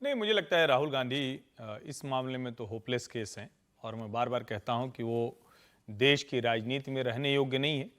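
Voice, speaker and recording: A man speaking as a political commentator on a TV panel, forceful and lecturing. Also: mid-range voice, moderate pace. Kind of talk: TV panel debate.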